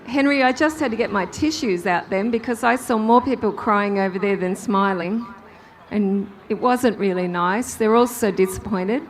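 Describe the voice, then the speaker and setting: A woman's voice: mid-range voice, moderate pace, a little hiss or hum. A woman doing chatty, upbeat live interviews out on a race track grid. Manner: chatty, upbeat, talks over the crowd. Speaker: grid reporter.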